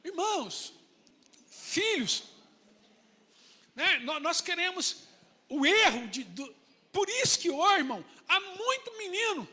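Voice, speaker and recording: A Brazilian male pastor preaching in a casual, storytelling manner, acting out the people he talks about. His voice is very high and very bright, with a sharp, forceful edge. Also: long reverb tail. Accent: Brazilian Portuguese. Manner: colloquial, animated storytelling with acted-out voices. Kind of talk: sermon.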